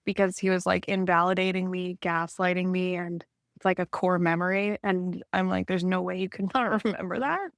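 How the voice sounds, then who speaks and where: This is a Canadian woman with a lowish, steady voice at a moderate pace, recorded at studio quality without echo. Speaking as a client in a healing session, she's casual and candid, self-reflective and rambling, with frequent "like"s.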